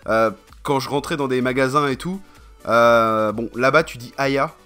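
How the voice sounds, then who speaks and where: A man's voice: mid-range voice, normal speed, bright, forceful tone, clean tone, faint music behind. A man from France chatting casually to camera in a vlog, rambling and slangy, with many fillers. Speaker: vlogger.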